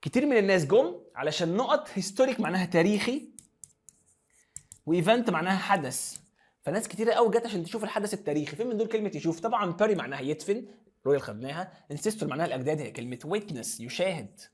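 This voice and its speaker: A man's voice: high voice, lively intonation, rapid-fire, slightly rough. A young man with an Egyptian Arabic accent teaching English vocabulary, mixing Arabic and English and drilling pronunciation. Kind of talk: classroom lesson explanation.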